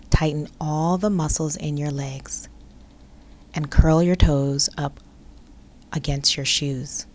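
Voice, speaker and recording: A woman reading a guided muscle-relaxation script in a soft, soothing, calm manner, often sliding into a half-whisper. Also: deep voice.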